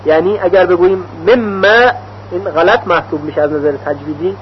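A man with a high voice teaching recitation rules in a measured, deliberate way. He stretches out the example syllables as he demonstrates them. The recording is dull and lo-fi, with a faint hum underneath. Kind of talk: slow instructional explanation with recited examples.

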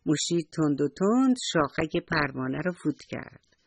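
A woman telling a bedtime story to young children in a sweet, affectionate, slow sing-song way. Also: sits low, expressive, vocal fry, breathy edge, dry recording.

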